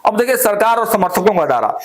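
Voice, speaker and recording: A man's voice: high-pitched, very animated, fast talker. A man commentating on political news, walking viewers through points step by step and speaking to them directly. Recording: echoey room.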